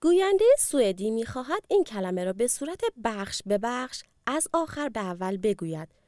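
A woman narrating a language course and clearly prompting the listener to repeat after the speaker. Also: a little high, very animated, darkish tone, no echo, clean studio sound. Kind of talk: scripted lesson narration.

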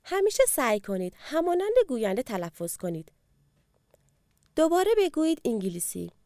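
A woman narrating a language course and clearly prompting the listener to repeat after the speaker. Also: fairly high pitch, very animated, warm tone, no room sound, studio quality. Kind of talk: scripted lesson narration.

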